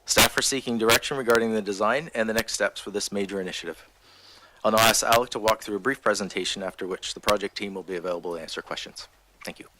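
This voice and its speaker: A man with a slightly low but bright voice delivers a formal report to a town council. He reads prepared remarks in a measured way, with a faint hiss behind him. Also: rough recording. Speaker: municipal parks director.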